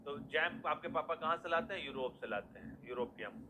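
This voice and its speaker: A man's voice: on the high side, lively intonation, a little fast, sharp tone, a little hiss or hum, low-quality recording. A man teaching a classroom lesson in Hindi mixed with English terms, repeating his questions and then answering them himself to drill memory tricks.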